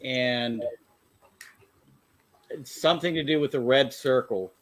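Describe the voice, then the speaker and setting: A man's voice: medium pitch, takes it slowly, fairly bright tone. Hesitant man chatting casually. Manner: hesitant, stammering restarts. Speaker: comic collector hosting a livestream. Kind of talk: casual chat.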